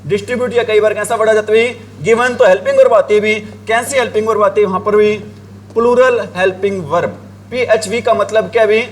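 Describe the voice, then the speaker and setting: A man's voice: high-pitched, a little hiss or hum. A male teacher giving a grammar lesson, asking the class the same questions over and over and answering them himself. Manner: drills the class with repeated questions, writing on a board. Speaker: English teacher.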